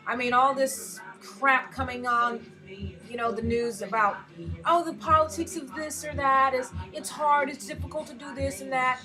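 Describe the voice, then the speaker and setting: An American vlogger who calls herself an erotic artist goes on a casual personal rant, speaking frankly, swearing heavily and throwing out emphatic rhetorical questions. Her voice is high with fairly even intonation at a moderate pace, heard over music.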